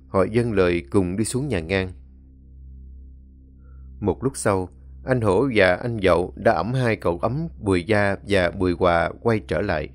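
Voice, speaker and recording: A man narrating a scripted story in a measured, even way. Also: low voice.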